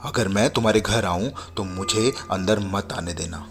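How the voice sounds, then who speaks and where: Brief: a man as a scared trapped young man in a horror story, low voice, hushed and pleading, music under it. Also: moderate pace, natural voice. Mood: urgent. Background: background music.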